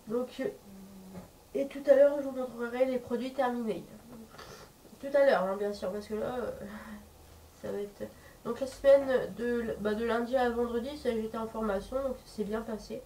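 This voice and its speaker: A woman vlogger with a cold chats casually to camera, her darkish, fairly high voice stuffy from congestion and rough from a sore throat. She's hesitant and rambling, searching for words. The mic is distant, with faint background noise.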